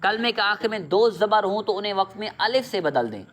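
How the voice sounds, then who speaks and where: A man's voice: high-pitched, lively intonation, fairly bright tone. A man teaching Quran reading, stating a rule, asking his pupils what to do, and repeating their answers back. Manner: asks a question after each rule and repeats the answer. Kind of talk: drilling lesson with call-and-response questions.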